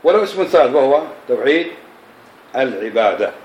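A man's voice: mid-range voice, sing-song, a little mellow. Echoey male religious teacher. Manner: checks understanding with quick questions to the class. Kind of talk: classroom lesson explaining scripture. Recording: echoey room.

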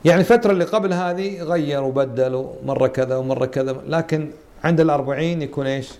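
A man's voice: a little high, fast, dark tone. A man teaching a Quran interpretation lesson as a religious teacher, quizzing his students and repeating and stressing key words.

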